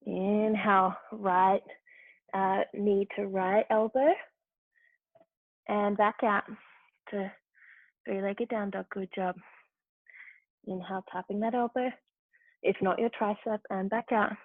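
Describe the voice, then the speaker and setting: A woman's voice: medium pitch, dry recording. Tinny-sounding woman cueing a yoga class. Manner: short encouraging movement cues. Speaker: yoga instructor. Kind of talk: guided yoga class instruction. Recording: tinny phone-like dry sound.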